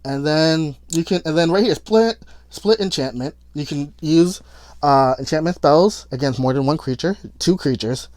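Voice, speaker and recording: A man commenting on a tabletop game, reading rules aloud in a rushed, stumbling way and arguing his point. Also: on the high side, a little mellow, no room sound. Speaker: YouTube commentator.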